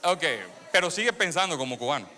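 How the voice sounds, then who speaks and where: A Venezuelan-born man speaks quickly in a high-pitched, bright, forceful, and expressive voice while giving a sermon testimony. He questions the congregation and drives points home by repeating phrases, all with long hall reverb.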